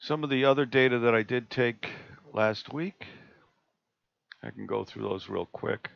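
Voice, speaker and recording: A man presenting a live screen-share tutorial on a video call, talking in a relaxed, halting way with many fillers and restarts. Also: medium pitch, gravelly, dry recording. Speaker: astronomy club presenter. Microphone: computer mic on a video call. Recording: dull lo-fi video call audio.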